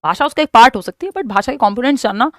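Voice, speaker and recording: A woman teacher talks through exam questions one at a time, slipping English terms into her explanations. Her voice sits high. The recording is dry and close, with no room around it. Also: lively intonation, racing, a bit bright, no echo. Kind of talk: exam-prep lesson.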